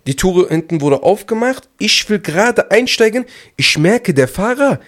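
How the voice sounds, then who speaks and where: Animated high-voiced young man telling a story. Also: normal speed. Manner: animated, acts out shouts and quotes. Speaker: podcast co-host. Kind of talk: casual storytelling chat.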